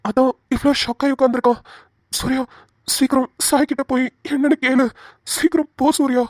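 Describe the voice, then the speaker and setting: A woman's voice: high voice, flat delivery, a little fast, darkish tone, dry recording, clean studio sound. A woman voicing an anxious young man who stammers with urgency in a cartoon. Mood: urgent.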